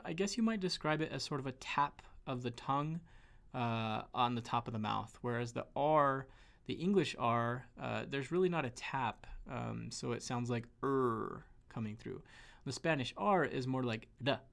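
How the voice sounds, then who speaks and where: Gravelly-voiced man teaching Spanish pronunciation. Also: medium pitch, lively intonation, normal speed, fairly bright tone. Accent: Western American. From western United States. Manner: hesitant, many fillers and restarts. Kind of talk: pronunciation lesson.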